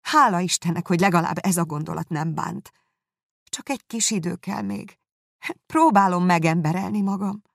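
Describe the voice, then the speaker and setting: A woman reading a novel aloud, voicing a gentle, forgiving young woman in a soft, pleading manner. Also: sits low, animated, vocal fry, slightly rough, no room sound, clean studio sound, exaggerated voice.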